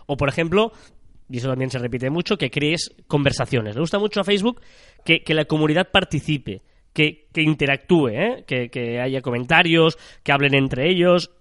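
A man's voice: on the high side, moderate pace, fairly bright tone, no room sound, studio quality. A man with a nasal, stuffed-up voice from a cold, chatting as co-host of a marketing podcast. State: has a cold.

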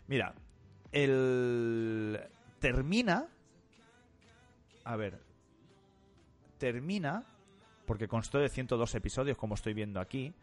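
A man co-hosting a casual podcast, bantering in a teasing, jokey way with mock sales pitches. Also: expressive, slow, pauses often, faint music behind. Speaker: podcast co-host.

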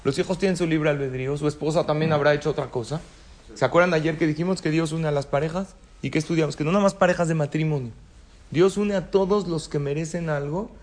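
A man's voice: on the high side, fast, darkish tone. A man teaching a religious class, telling a story and asking his listeners rhetorical questions. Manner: conversational, asks the audience rhetorical questions.

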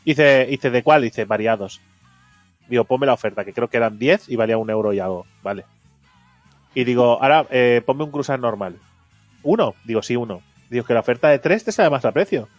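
A man's voice: mid-range voice, animated, a little fast, no echo, faint music behind. A man who hosts a stream, telling a story in casual chat, laughing often and acting out the quotes. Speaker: streamer and show host.

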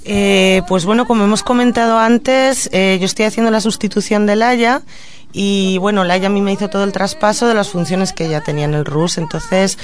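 A woman from Madrid, a social educator and puppeteer, answering questions as a guest in a radio studio in an earnest, reflective way, pausing to gather her thoughts. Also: mid-range voice, fairly even intonation. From Madrid, Spain.

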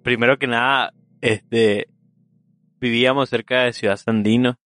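A young man with a Nicaraguan Spanish accent chatting casually and reflecting in a halting way, often restarting his sentences. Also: medium pitch, fairly even intonation, a bit bright, soft background music. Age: young adult. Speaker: older brother. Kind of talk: casual chat.

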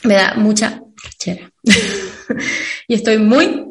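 A woman chatting casually with other mothers, telling animated stories and laughing when nervous. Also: on the high side, slow, noisy background. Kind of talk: casual chat among mothers.

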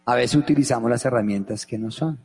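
A man lectures on how the voice works, deliberately swinging between loud and soft to demonstrate. His tone is dark and mellow with a husky edge. He keeps asking his listeners questions as he goes. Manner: shifts loudness and pitch to demonstrate; asks the audience questions. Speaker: voice coach. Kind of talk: lecture on voice technique.

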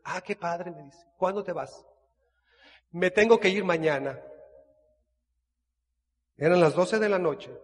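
A man from Mexico with a Mexican accent, telling his life story in a casual, animated way and acting out the dialogue. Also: sits high, takes it slowly, long pauses, in a large hall. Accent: Mexican Spanish. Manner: animated storyteller who acts out dialogue, with frequent restarts. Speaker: business speaker sharing his life story.

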